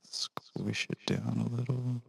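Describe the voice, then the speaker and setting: A man with a croaky morning voice, casually explaining how he edits his vocals during a live stream, in a relaxed and chatty way with lots of fillers. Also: mid-range voice, takes it slowly, poor audio. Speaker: musician explaining vocal editing.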